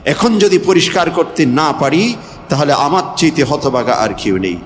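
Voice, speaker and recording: Male preacher, fairly high voice, rhythmic repetitive sermon delivery, long hall reverb. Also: sing-song, moderate pace, a little hiss or hum. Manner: rhythmic repetition, voice rising and falling for emphasis. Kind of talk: Bengali waz sermon.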